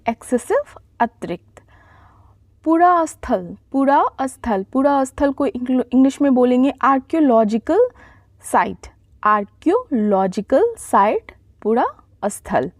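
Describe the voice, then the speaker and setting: A high-voiced woman gives a vocabulary lesson at an unhurried pace, repeating every word and spelling it out letter by letter. The recording is close and dry, with no room sound. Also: darkish tone, dry recording. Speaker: vocabulary teacher. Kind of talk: slow dictation-style vocabulary lesson.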